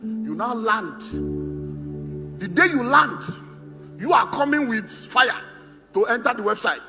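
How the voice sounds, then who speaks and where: A man with a Nigerian accent preaching to a live audience in a large hall, animated and jokey, acting out the voices of the people he describes. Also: very high voice, slow pace. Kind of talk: sermon. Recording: echoey hall with music behind.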